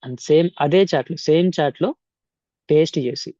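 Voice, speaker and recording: Mellow Telugu man mixing Telugu and English. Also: a little high, moderate pace, dry recording, highs cut off. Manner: mixes Telugu and English mid-sentence. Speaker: tutorial instructor. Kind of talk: informal software tutorial narration. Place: indoor voice-over for screen recording.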